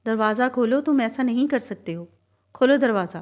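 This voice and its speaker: A woman voicing a frightened young woman locked in a wardrobe, pleading and shouting for someone to open the door. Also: mid-range voice, close to an everyday voice. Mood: panicked. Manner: pleading then shouting in panic.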